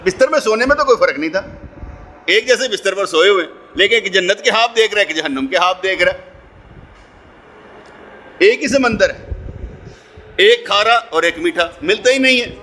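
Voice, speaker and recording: Punjabi-accented preacher with a bright voice. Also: male voice, sits high, lively intonation, long pauses. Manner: storytelling, acts out voices, swings between loud and hushed. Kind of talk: Friday sermon.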